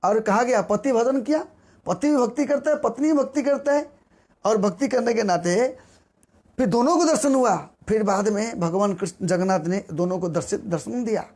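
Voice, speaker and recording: A man with a notably high voice preaches through a devotional tale. He repeats phrases for emphasis and slips into the voices of the people in the story, keeping the telling animated throughout. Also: moderate pace.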